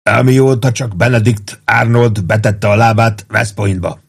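A man voicing a touchy male army sergeant who keeps shouting in a raised, indignant voice. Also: on the low side, fairly even intonation, gravelly, husky. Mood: sulky.

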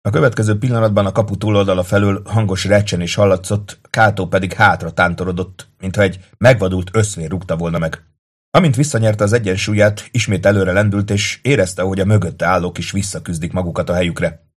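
A man reading a war novel aloud as narrator, steady and dramatic. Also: low-pitched. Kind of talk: audiobook narration.

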